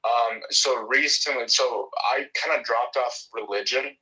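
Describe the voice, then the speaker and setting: Speaking unhurriedly in a steady, medium-pitched voice that sounds pushed and bright, a man from Mexico takes part in a relaxed video chat. A native Spanish speaker with a faint Mexican accent, he is friendly and often stammers and restarts, and the recording is rough.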